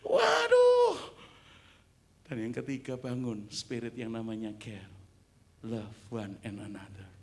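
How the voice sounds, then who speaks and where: A man preaching a sermon in a church, animated, swinging from quiet asides to loud exclamations. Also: lowish voice, unhurried. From Indonesia. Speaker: pastor. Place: church sanctuary.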